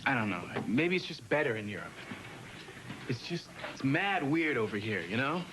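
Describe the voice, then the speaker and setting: Brief: actor playing wry young best friend, lively up-and-down voice. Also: male voice, mid-range voice, moderate pace, background noise, close to an everyday voice. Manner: wry, joking, expressive. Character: wisecracking young man, loyal best friend. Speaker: soap opera character. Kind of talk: 1990s daytime soap acting.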